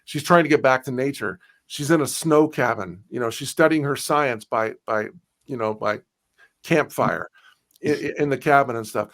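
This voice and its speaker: A man's voice: medium pitch, moderate pace, fairly bright tone. A man chatting casually on a stream, emphatic, swearing and repeating himself for stress. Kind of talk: casual group chat on a stream.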